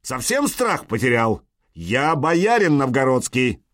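A man voicing a pompous older male nobleman who blusters and yells in an audiobook. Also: mid-range voice, big pitch swings, takes it slowly. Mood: indignant. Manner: blustering, yelling. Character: pompous older male boyar, quick to rage.

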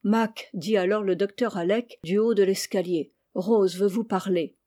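A woman reading a children's novel aloud, narrating gently and giving the characters their lines. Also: medium pitch, fairly even intonation, unhurried. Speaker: audiobook reader. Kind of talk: storybook narration.

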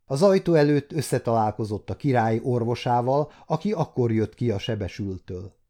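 Man in his 50s reading an audiobook, dark mellow voice, steady. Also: mid-range voice. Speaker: audiobook narrator. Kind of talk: scripted narration.

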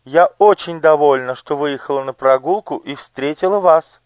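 A man's voice: a little high, normal speed, no echo, pitched above the performer's own voice, close to an everyday voice. A man voicing a gracious but cruel noble lady who talks in a coaxing singsong.

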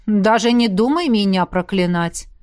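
A woman reading the part of a mocking, grumbling male master of dark magic in a fantasy audiobook. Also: medium pitch, lively intonation, moderate pace, no room sound, studio quality, close to an everyday voice. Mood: low, sly.

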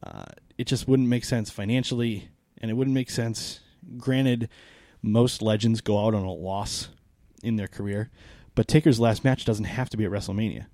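A man talks through his opinions in a relaxed, rambling way, stopping and restarting his sentences. His voice is low and mellow, a bit worn and tired, and it sounds dry and close. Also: moderate pace, few pauses, no room sound. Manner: rambling, hesitant, many restarts. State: losing his voice. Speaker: podcast co-host. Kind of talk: casual wrestling chat.

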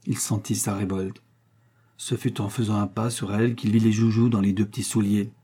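A man reading a literary tale aloud in a measured, expressive storytelling manner. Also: fairly low pitch, slightly rough. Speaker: reader. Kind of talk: scripted narration of a literary tale.

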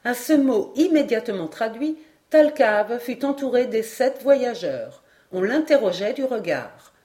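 Measured woman reading a classic novel. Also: on the high side, lively intonation, warm tone. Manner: clear, measured storytelling. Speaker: audiobook reader. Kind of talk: scripted narration of a classic novel.

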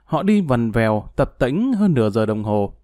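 A man narrating an audiobook in a steady, measured way. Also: medium pitch, dry recording, clean studio sound.

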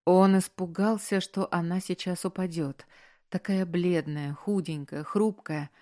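A woman reading a story aloud in measured, earnest scripted narration, as an audiobook narrator. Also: lowish voice, fairly even intonation, darkish tone.

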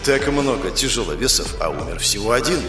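A man voicing a mocking, sinister male demon warrior who taunts slowly and menacingly. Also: on the low side, animated, echoey room, music in the background, close to an everyday voice. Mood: sneering.

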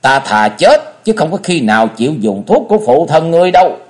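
A man's voice: medium pitch, sing-song, unhurried, darkish tone. A man voicing a stern, commanding old matriarch of the martial world in a storybook reading. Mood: bitter. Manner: commanding, wrathful.

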